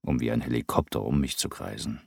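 A world-weary nobleman who snaps back in short, resigned lines, as a man reads him in an audiobook. His voice sits extremely deep, with a gravelly creak, and it is recorded dry and close. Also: fairly quick, no echo, exaggerated voice. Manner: curt, flat, resigned retorts. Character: weary, bitter aristocratic man, tired of life. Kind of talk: audiobook reading.

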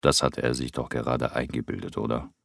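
A man narrating an audiobook in a measured, somber storytelling manner. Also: a bass voice, vocal fry, a bit bright, no echo, clean studio sound.

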